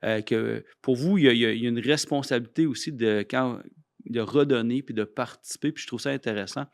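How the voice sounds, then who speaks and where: A man with a Québécois accent hosting a podcast, chatting warmly with many restarts and fillers. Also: mid-range voice, quick pace, vocal fry, no room sound, studio quality. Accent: Québécois French. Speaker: podcast host, foundation CEO. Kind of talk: casual podcast interview.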